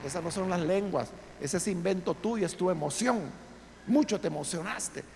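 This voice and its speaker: A man's voice: high-pitched, normal speed, creaky, a little mellow, slight background noise. A male pastor voicing the devil as a scornful, mocking tempter during a sermon. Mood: taunting. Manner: dismissive and taunting. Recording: long church reverb.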